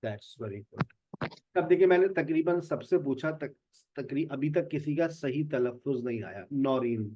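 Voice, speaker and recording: A man's voice: medium pitch, expressive, measured pace, dark tone, lo-fi sound. A man teaching an online spoken English class, patiently explaining pronunciation and calling on students by name. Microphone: online class call.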